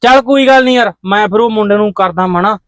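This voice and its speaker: High-voiced Punjabi man, impatient sketch talk. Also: quick pace, fairly bright tone, no room sound, studio quality. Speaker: comedy sketch actor. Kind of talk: comic village sketch acting.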